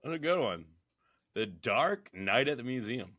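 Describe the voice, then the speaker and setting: A man co-hosting a podcast in casual chat, laid-back and quick to laugh. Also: mid-range voice, animated, fairly bright tone. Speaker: podcast co-host.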